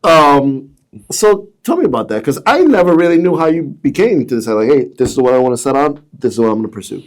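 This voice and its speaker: A man co-hosting a podcast, asking questions in an animated, rambling, casual way. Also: mid-range voice, fast. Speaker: podcast co-host. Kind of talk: casual interview chat.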